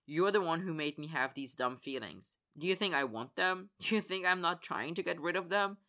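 A man's voice: on the high side, bright, forceful tone. A man reading aloud as an angry, frustrated young hockey player, swearing and defensive.

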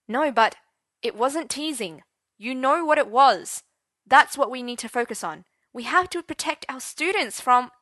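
A woman's voice: sits high, expressive, unhurried, a bit bright, dry recording, studio quality, pitched above the performer's own voice. A woman voicing a young male teacher who speaks bluntly and with heated indignation. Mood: indignant. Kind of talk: audiobook character voice.

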